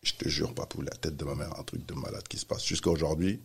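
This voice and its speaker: A man telling a story in casual chat, animated, acting out the voices of the people he quotes. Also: extremely low pitch, fast, gravelly, breathy edge. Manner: animated, acts out quoted voices, many restarts. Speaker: music manager telling a story.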